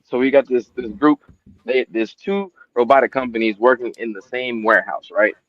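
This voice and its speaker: A man co-hosting a casual podcast livestream, telling stories in an animated way and acting out the parts. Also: medium pitch, normal speed, no echo, muffled recording. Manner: animated storyteller, puts on voices for anecdotes. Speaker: podcast co-host.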